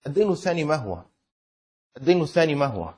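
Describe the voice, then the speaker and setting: Lively husky-voiced male sheikh teaching. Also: on the high side, rapid-fire. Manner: questions students often, stretches key words for emphasis. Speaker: sheikh teaching Shafi'i law. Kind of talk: interactive classroom lesson. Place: classroom with students.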